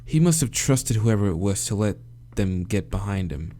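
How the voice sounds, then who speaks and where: This let's play features a man reading visual novel dialogue aloud and reacting, his voice lowish at a moderate pace. When picking answers he mutters hesitantly and swears, then returns to steady reading.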